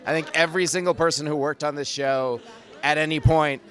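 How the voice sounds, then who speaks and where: A man with a somewhat high-pitched voice answers questions on a red carpet. He is earnest and often restarts his words in a stammering way. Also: fairly even intonation, a little fast, fairly bright tone.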